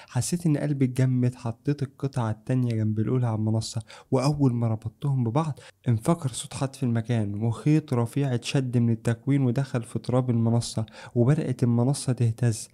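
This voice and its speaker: A man narrates a first-person horror story in a tense, suspenseful way. His voice is very dark and mellow, at an ordinary male pitch. The delivery is scripted and steady.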